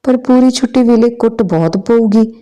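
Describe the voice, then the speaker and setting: A woman's voice: on the high side, moderate pace, dark tone, pitched above the performer's own voice, lightly acted. A woman voicing a timid young schoolgirl who apologizes to her teacher. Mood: worried. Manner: pleading, apologetic.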